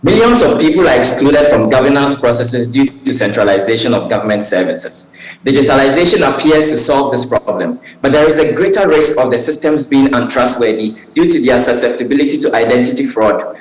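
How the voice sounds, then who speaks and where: A man, a startup founder and CEO, delivering a formal scripted pitch over a video call. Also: animated, a little fast, reverberant, low-quality recording.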